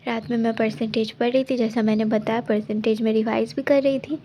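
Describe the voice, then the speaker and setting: A woman's voice: on the high side, little pitch movement, fairly quick, warm tone, a little hiss or hum. A young woman in a casual study vlog, explaining her exam study plan in a rambling way with many restarts and advising her viewers directly. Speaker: exam aspirant vlogger.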